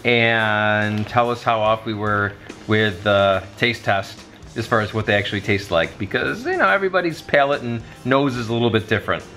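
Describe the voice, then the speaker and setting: A man's voice: lowish voice, normal speed, sharp tone, faint music behind. A man in his thirties chatting casually and playfully as a vlog co-host, recorded on a camera at arm's length indoors. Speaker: vlog co-host doing a taste test. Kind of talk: casual chat. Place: living room couch, indoors.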